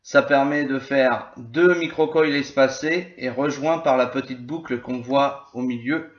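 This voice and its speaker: A man giving a casual hands-on tutorial as a gear reviewer, talking slowly and hesitantly with many filler sounds. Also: mid-range voice, a little hiss or hum. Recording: echoey room, dull lo-fi sound.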